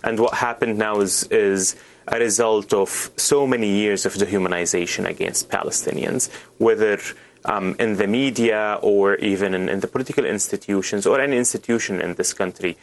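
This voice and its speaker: A man's voice: fairly low pitch, moderate pace. A young man from Syria, not an English speaker, answering interview questions earnestly with many restarts and fillers. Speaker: guest.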